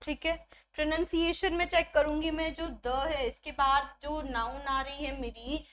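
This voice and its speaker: Grammar teacher, woman, high pitched, patient step-by-step explainer who keeps checking understanding. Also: steady tone, fairly bright tone, slight background noise. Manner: explains step by step, often asks "ठीक है" to check; mixes Hindi with English phrases, slows down on English examples. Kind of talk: exam-prep grammar lesson.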